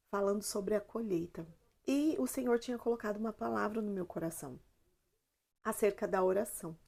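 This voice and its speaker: Hoarse Brazilian woman, swollen-throat creaky voice. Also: medium pitch, dark tone. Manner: earnest, explanatory, addresses listeners directly. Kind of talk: informal devotional talk to camera with scripture reading.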